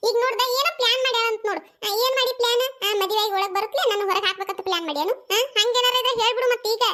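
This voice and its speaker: For a cartoon comedy, a voice actor plays a cheeky young village woman, speaking rapidly in a squeaky, very high, bright tone. Her thick North Karnataka Kannada accent suits her quarrelsome, teasing squabbling.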